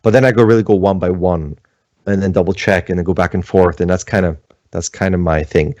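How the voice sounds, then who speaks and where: His voice sits low with a steady, slightly mellow tone, and he talks at a brisk clip with no echo around him. He's a middle-aged animator from Switzerland, casually chatting at home on a livestream and answering questions while rambling with plenty of fillers.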